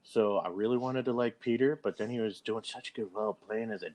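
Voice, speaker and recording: Low-voiced man leading a rambling chat. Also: quick pace, a little mellow. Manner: rambling, restarts sentences often, leads the discussion. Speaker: podcast co-host. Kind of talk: casual chat.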